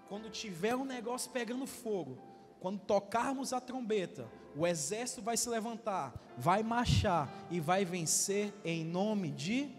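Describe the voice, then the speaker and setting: A Brazilian pastor in his twenties preaching a sermon with loud swells and calls for amens. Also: high-pitched, in a large hall. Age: 20s. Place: church hall.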